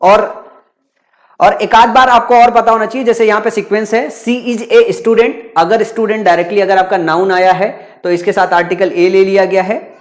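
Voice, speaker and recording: A man's voice: high voice, steady tone, a little fast. A man teaching an exam-prep grammar lesson, repeating key points and asking rhetorical questions, calling students "bachcha".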